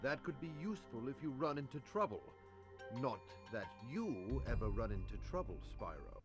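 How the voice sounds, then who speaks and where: A man's voice: medium pitch, sing-song, normal speed, music in the background, lightly acted. An actor playing a male dragon elder in a video game who explains things in a dry, teasing way. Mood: wry.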